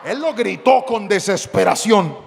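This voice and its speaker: Sex: man. Role: pastor. Style: animated storytelling sermon. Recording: church hall with long reverb and faint noise. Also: sits high, measured pace, gravelly. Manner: animated, shouting the action.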